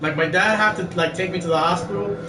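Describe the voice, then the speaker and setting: A man's voice: sits high, fast. A young man telling a rambling story while gaming, laughing often and acting out what his friends said. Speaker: gamer telling stories. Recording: roomy, distant, faint ambient noise.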